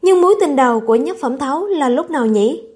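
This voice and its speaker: A woman's voice: high voice, lively intonation, brisk, darkish tone. A woman voicing a teasing, nosy young woman who pesters and coaxes for gossip in a storybook reading. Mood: curious. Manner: coaxing, pestering.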